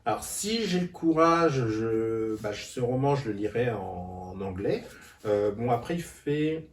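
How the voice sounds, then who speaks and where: A man's voice: mid-range voice, expressive, a little slow. A man chatting casually about books in a vlog, hesitant, with many fillers and restarts. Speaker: book vlogger. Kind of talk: casual book haul vlog. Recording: roomy echo, a bit far from the mic.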